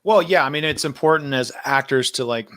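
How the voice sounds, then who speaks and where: A man's voice: medium pitch, a little fast, a bit bright, no echo. A man hosting a livestream as the filmmaker, talking casually and rambling with many fillers and restarts. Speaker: filmmaker host.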